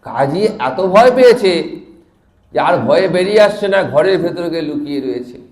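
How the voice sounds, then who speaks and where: A male preacher recounts a sacred tale in an animated, intoning sermon style. His voice sits fairly high and carries a noticeable echo from the room around him. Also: moderate pace. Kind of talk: devotional storytelling sermon with chanting.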